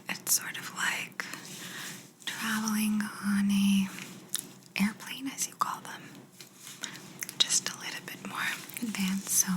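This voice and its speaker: In an ASMR roleplay with poor audio, a woman with a slightly high voice plays a polite, curious alien examiner. She speaks in a soft, breathy whisper, gentle and clinical with a faintly bemused air.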